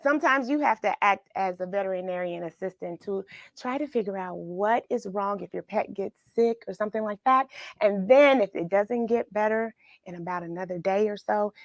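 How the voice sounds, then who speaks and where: Chatting with young viewers, asking questions and cheering them on, an American woman greets her livestream audience and reads a story for children. She has a mid-range, slightly bright voice, and the recording carries no room sound.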